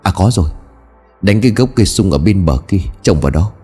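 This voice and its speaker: A man's voice: low voice, animated, fairly quick, dark tone, breathy edge, soft background music. A man doing a stammering frightened young son. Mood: eager. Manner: stammering, pleading.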